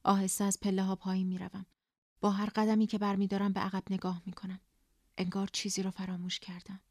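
A woman reading first-person literary narration in a subdued, quiet, introspective way. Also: mid-range voice, completely flat delivery, dry recording, studio quality. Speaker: audiobook narrator.

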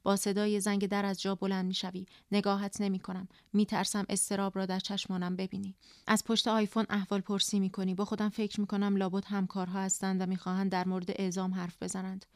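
A woman reading first-person literary narration in a subdued, quiet, introspective way. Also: medium pitch, completely flat delivery, no echo, clean studio sound. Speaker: audiobook narrator.

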